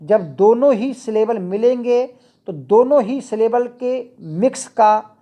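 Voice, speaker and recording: A woman teaching an English poetry lesson, explaining each point slowly and repeating it, with English definitions mixed into her talk. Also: mid-range voice, warm tone. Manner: slow, repetitive, mixes English definitions into Hindi. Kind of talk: explanatory lecture.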